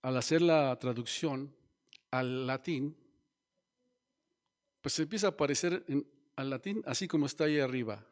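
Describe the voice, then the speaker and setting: A man's voice: medium pitch, normal speed, long pauses. A man preaching a sermon as pastor, teaching and asking the congregation questions. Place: church.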